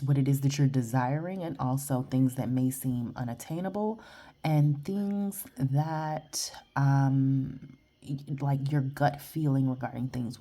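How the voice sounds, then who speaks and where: Speaking in a rumbling low, warm voice, a woman reads tarot outdoors early in the morning. She's sniffly and congested, and her casual reading is blunt, chatty, and rambling.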